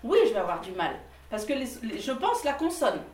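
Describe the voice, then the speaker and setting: A woman with a fairly high pitch coaches a choir, talking a little fast as she explains technique. She's lively, laughs a lot, and sings quick examples. The recording comes from a distant mic in an echoey room full of singers.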